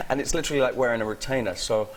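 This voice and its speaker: A man's voice: mid-range voice, quick pace, noisy background. A man with a British accent, a guest actor on a talk show, telling stories chattily, laughing often and restarting sentences. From England. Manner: chatty, laughing, self-interrupting storyteller.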